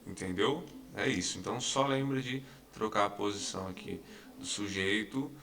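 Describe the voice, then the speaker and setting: A teacher walks his students through English grammar, his low, gravelly voice carrying a bright, forceful edge. He repeats each example slowly and keeps checking that everyone follows. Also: fairly even intonation. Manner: explains patiently, repeating examples with many "tá?" and "né?" checks. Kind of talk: recorded online lesson.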